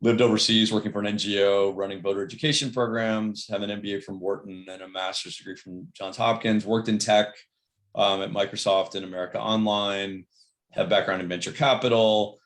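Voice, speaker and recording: A man's voice: on the low side, flat delivery, a little fast, echoey room. A man giving a casual, upbeat online presentation, talking with many fillers on a video call. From Cleveland, Ohio.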